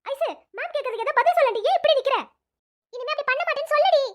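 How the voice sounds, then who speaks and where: An anxious young female student in a cartoon, put on by a woman pleads and apologises. Her voice is shrill and very high. She talks fast and gets flustered. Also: a bit bright. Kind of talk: cartoon voice acting.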